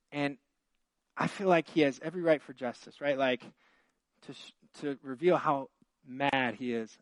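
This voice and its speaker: A man's voice: mid-range voice, fairly bright tone, no room sound. Man preaching a casual sermon. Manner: casual, with frequent fillers and restarts, rising into fervent emphasis. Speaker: pastor. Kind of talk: conversational sermon. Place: church.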